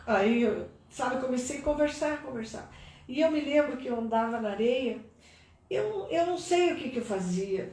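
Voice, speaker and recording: Brazilian mother, middle-aged, heartfelt testimony; fairly high voice, heard from afar in an echoey room. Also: darkish tone. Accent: Brazilian Portuguese. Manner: earnest, prayerful, pitch rising when moved. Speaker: mother of a cancer patient, guest. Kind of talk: emotional personal testimony. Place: live stream room. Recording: roomy, distant mic.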